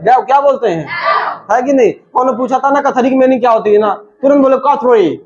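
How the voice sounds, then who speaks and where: A man teaching a spoken English class, shouting drill phrases and joking with his students. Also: very high voice, brisk, highs cut off, over a noisy crowd.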